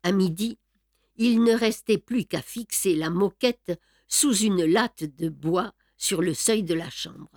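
A woman narrating an audiobook at a measured pace with a wry, understated delivery. Her voice sits in an ordinary middle pitch. The recording is dry and close, with no room sound. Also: a little mellow, dry recording.

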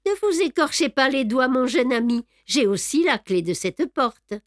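A woman's voice: on the high side, takes it slowly, no echo, studio quality. A woman reading the part of a male court clerk revealed as a brutal, mocking villain, speaking curtly. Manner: mocking, curt. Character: sneering male clerk turned armed villain, brutally bold.

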